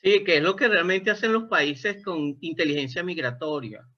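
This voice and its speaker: Interviewing a guest, a Venezuelan man speaks in a high, bright, forceful voice at normal speed. His talk is reflective and expansive, and he keeps restarting and correcting his phrases. The sound is dull and lo-fi.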